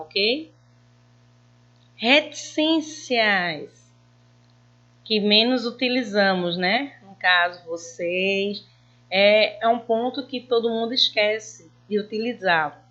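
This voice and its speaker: Lady teaching little kids, slow and patient, kinda dull lo-fi sound. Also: mid-range voice, fairly bright tone. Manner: slow, patient, reads examples with drawn-out emphasis. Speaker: primary school teacher. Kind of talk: online lesson for children.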